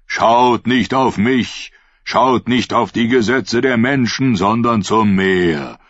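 A man doing a fervent, slow-preaching prophet. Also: medium pitch, fairly bright tone, no echo. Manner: slow, raised, solemn preaching. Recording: dull lo-fi dry recording.

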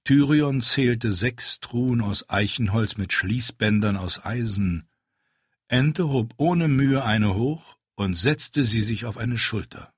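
Male audiobook narrator, husky, low, lively pitch, dry sound. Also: slow, no echo. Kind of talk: scripted narration.

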